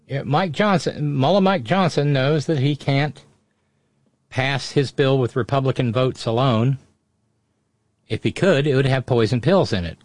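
Sardonic male commentary host, casual delivery, medium pitch, dry recording. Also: measured pace, no room sound. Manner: sardonic, mocking. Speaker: host of political commentary show. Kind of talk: casual live political commentary.

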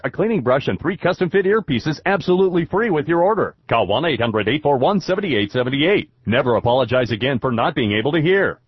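A man's voice: mid-range voice, breathy edge, no echo. A man reading a radio commercial in a persuasive hard-sell style. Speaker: radio ad announcer. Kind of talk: scripted ad read. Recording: dull dry radio recording.

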